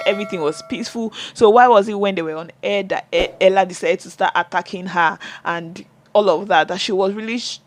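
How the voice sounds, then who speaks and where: A man recapping a reality show reunion in a casual vlog. He chats along, retelling who said what and trailing off with "and all", and breaks in with exasperated asides to his viewers. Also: high voice. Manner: chatty, retells what was said, many "and all" fillers.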